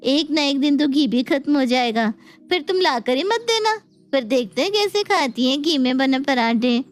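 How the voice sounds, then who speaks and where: A woman's voice: sits high, lively intonation, moderate pace, faint music behind. A woman voicing a middle-aged village woman with folksy speech and blunt opinions in a cartoon. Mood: advising. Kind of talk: cartoon voice acting.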